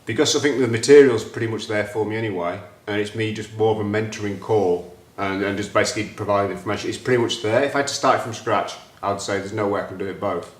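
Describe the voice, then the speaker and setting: A man, hosting a casual chat and talking about his plans in an animated, excitable way. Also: fairly low pitch, quick pace, roomy sound. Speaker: host.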